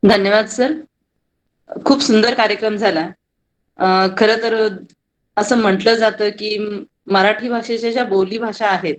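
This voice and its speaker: A woman giving a formal, measured vote of thanks at a poetry event. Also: medium pitch, low-quality recording. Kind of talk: formal speech.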